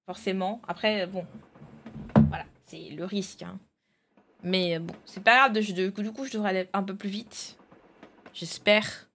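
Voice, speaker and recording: A woman's voice: medium pitch, a little slow, long pauses, very noisy. A woman streamer chatting casually with her viewers as she checks files and switches games, thinking aloud as she goes. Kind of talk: casual live-stream chat.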